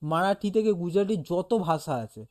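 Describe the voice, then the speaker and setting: Mellow-voiced teacher explaining step by step. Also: mid-range voice, moderate pace. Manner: explains patiently, demonstrates sounds aloud, keeps checking "okay?". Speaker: animation teacher. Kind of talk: casual one-on-one lesson.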